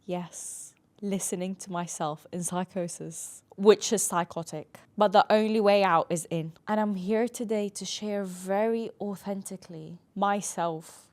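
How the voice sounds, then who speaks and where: A woman in her twenties with a medium-pitched, darkish voice tells her own story in an earnest monologue. She works in mental health, English isn't her first language, and she leans hard on key words, lingering on them emphatically.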